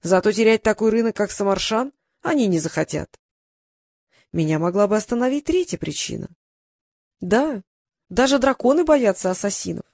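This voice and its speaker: A woman's voice: mid-range voice, expressive, normal speed, darkish tone, no room sound. A woman voicing a stern, scheming male sultan in an audiobook, with a dry, ironic, sighing manner. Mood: dismissive. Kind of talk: audiobook character reading.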